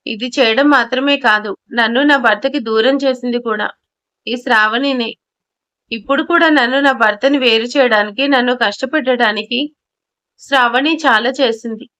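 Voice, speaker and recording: A woman's voice: a little high, moderate pace, pushed and bright. A woman playing a scheming impostor sister.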